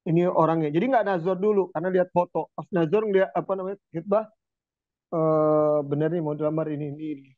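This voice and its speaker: A man preaching in a relaxed, chatty way, telling stories with lively turns and chanting verses slowly. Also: fairly high pitch, dry recording. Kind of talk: casual religious talk. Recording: tinny phone-like sound.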